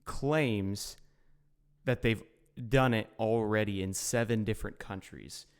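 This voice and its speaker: A man's voice: lowish voice, slow pace, smooth. A young man co-hosting a podcast in casual chat, easygoing and a bit offhand. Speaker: podcast co-host.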